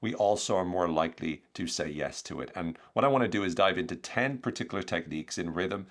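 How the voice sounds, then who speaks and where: A man with a lowish voice teaches on his podcast, chatty and energetic. He walks through ideas one example at a time in a conversational flow. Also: brisk. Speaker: podcast host, communication coach.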